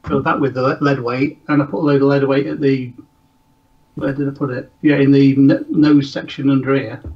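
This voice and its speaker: A man's voice: medium pitch, level tone, brisk, vocal fry. A man joining a casual modelling live show over a call, talking hesitantly and self-deprecatingly, often trailing off mid-sentence. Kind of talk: casual live-stream chat. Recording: slightly dull call audio.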